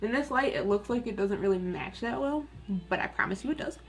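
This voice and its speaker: A young woman with a raspy voice, chatting candidly and rambling a little as she does her makeup in a get-ready-with-me video at home. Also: on the high side, lively intonation, brisk. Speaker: beauty vlogger.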